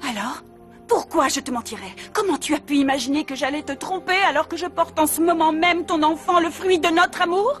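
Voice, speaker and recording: A woman's voice: sits high, brisk, a bit bright, soft background music. A haughty pregnant young woman. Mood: offended. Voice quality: haughty, indignant. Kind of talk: French dub of a telenovela.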